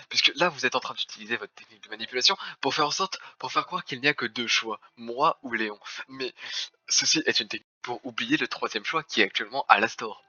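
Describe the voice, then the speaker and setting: A man's voice: mid-range voice, pushed and bright, no echo. A man playing a social deduction game, making a theatrical, formal accusation speech with stumbling restarts. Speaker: werewolf game player. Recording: dry, dull lo-fi voice chat.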